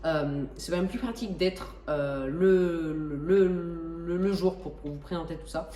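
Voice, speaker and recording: A woman in her own home explains a flight simulator cockpit in a loose, chatty way, stumbling through restarts and teasing herself as she goes. Her voice sits a little low, and she is recorded from some distance in an echoey room. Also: a little slow, warm tone. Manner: chatty, many hesitations and restarts, self-joking. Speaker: flight simulator tutorial host. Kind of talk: casual tutorial explanation.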